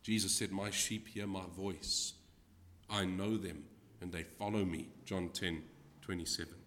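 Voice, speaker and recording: A man preaching as a guest in a church, moving from hushed lines to loud, dramatic readings of scripture. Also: deep voice, little pitch movement, unhurried. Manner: swings from hushed to loud, acting out scripture quotes. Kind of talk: sermon. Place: church hall. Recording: reverberant hall.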